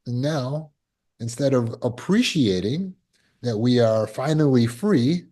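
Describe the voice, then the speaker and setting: A man's voice: medium pitch, lively intonation, takes it slowly, warm tone. A man giving a conversational self-help talk as a trauma recovery coach, acting out scenes and quotes as he goes.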